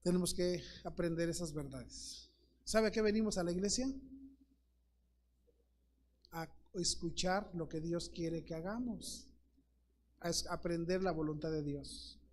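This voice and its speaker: A man's voice: sits high, unhurried, long pauses. A middle-aged man with a Mexican accent, a pastor preaching a Sunday school sermon and acting out the voices in his story, calling his listeners brother. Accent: Mexican Spanish. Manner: acts out dialogue in lively voices, addresses listeners as brother.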